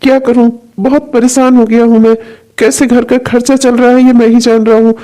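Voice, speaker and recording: A man's voice: very high-pitched, little pitch movement, fairly quick, dark tone. A man voicing a worried jobless husband and father in a cartoon, who talks in an anxious, despairing way. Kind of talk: cartoon dubbing.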